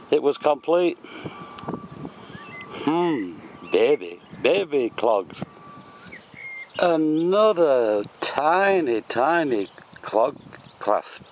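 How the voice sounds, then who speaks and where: A man's voice: mid-range voice, rough recording. A British man chatting casually while metal detecting, often chuckling at himself, recorded outdoors on a handheld camera. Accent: British English. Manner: chuckles often, unhurried and self-mocking. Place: outdoors on a windy building-site spoil heap. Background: wind noise.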